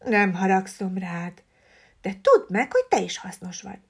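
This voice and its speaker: A woman voicing a small, kind and modest sparrow in a storybook reading, answering in quick chirpy lines. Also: medium pitch, big pitch swings, darkish tone, breathy edge, pitched below the performer's own voice.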